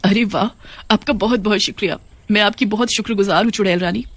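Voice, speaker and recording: A woman voicing a widowed mother who becomes a gentle witch in a cartoon horror story. She speaks in a pleading, emotional way. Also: mid-range voice, fast talker, no echo, close to an everyday voice. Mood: relieved. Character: grieving widowed mother turned witch, tender.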